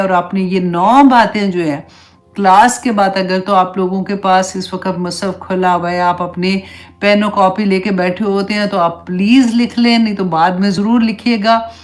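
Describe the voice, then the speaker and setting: A woman's voice: medium pitch, steady tone, moderate pace, faint music behind. A middle-aged woman, teaching a religious class in a conversational way, slipping English phrases into her talk and laying out numbered points for her students. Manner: gives numbered points, speaks directly to students. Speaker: Islamic teacher.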